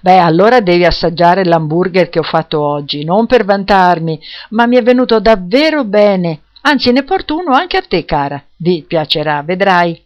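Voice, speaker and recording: A woman's voice: fairly low pitch, expressive, normal speed, hardly any pauses, lightly acted. Brief: bubbly cook woman, read by a female narrator, proud and friendly, lo-fi sound. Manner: bubbly, chatty. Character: cheerful chef woman, proud and warm.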